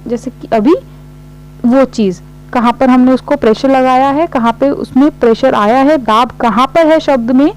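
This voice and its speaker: A woman teacher, giving an exam-prep lesson. She reads definitions slowly, then explains them quickly. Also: high voice, darkish tone, poor audio.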